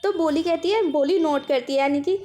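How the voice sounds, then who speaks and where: A young woman teaches a story chapter in a very high voice. She explains patiently and slips into the characters' lines as she goes. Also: fairly quick, warm tone. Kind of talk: chapter summary lesson.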